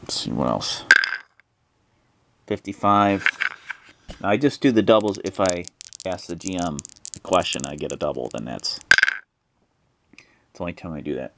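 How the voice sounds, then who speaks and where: A man's voice: low voice, lively intonation, normal speed, gravelly, pauses often, very noisy. A man narrating a solo tabletop adventure, thinking aloud with plenty of hesitations as he rolls and decides. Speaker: solo tabletop game player.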